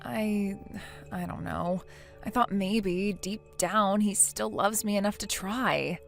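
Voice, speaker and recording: A woman's voice: mid-range voice, takes it slowly, creaky, soft background music. A synthetic female voice playing a defensive, self-pitying wife who talks in a hesitant, whiny way.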